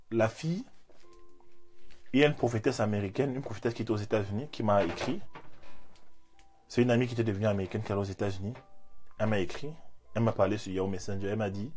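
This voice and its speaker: A man, giving an animated, repetitive motivational faith talk as a life coach. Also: lowish voice. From Cameroon. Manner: animated, repeats phrases, leans on fillers.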